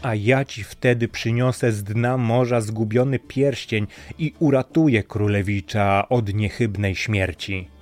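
A scheming old sea sorcerer whispers poison into a king's ear, as a narrator puts him on. He speaks slowly and smoothly, sly and persuasive. Soft music runs behind the storybook reading. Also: fairly low pitch, close to an everyday voice.

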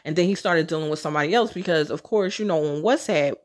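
Talking fast in a deep voice, a woman podcaster shares personal stories on her own. She's casual, candid, and chatty, tossing in slang and the occasional swear word.

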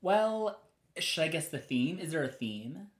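A woman co-hosting a podcast in casual chat, chatty and quick to laugh. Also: sits low, sing-song. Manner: chatty, laughing, hesitant restarts. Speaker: podcast co-host.

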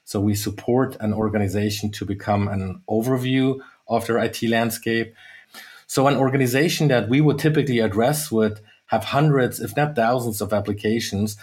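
A middle-aged American sales executive guests on a podcast interview, speaking in a measured way with plenty of fillers and restarts. His voice is medium-pitched and a little mellow.

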